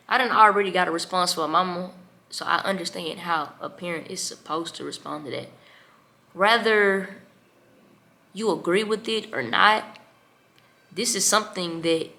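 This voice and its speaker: A young woman vlogger telling a personal story in an emotional, animated way. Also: lowish voice, creaky. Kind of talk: storytime vlog.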